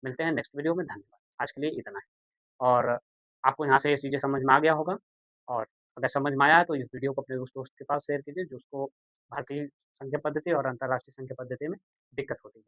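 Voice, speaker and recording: A man's voice: mid-range voice, steady tone, fast talker, no room sound, lo-fi sound. A man teaching a maths lesson, patient and repetitive, who asks the viewers questions and answers them himself. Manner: patient, repeats steps, calls viewers "beta" and "bhaiya".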